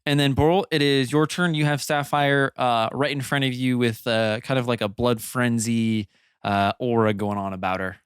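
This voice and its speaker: A man narrating a tabletop game as game master, loose and halting with many fillers. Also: mid-range voice, steady tone, clean tone, no echo, studio quality.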